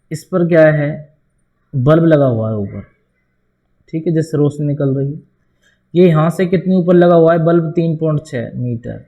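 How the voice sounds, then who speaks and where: A man's voice: on the high side, dull audio. A man teaching a board-exam maths lesson, talking through each step and asking the class questions that he answers himself. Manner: often addresses students as "bhai".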